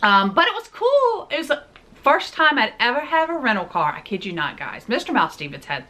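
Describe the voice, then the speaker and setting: A woman's voice: on the high side, very animated, fairly quick, bright, forceful tone. A woman in her forties hosting a casual shopping haul vlog, chatty and jokey, talking straight to her viewers. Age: 40s. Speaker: vlog host.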